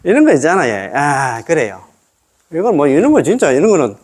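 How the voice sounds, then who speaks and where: Monk, man; animated, slightly high delivery, teaching informally with frequent questions to the room. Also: a little fast. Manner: chatty, checks listeners with tag questions, chuckles often. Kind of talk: casual dharma lecture.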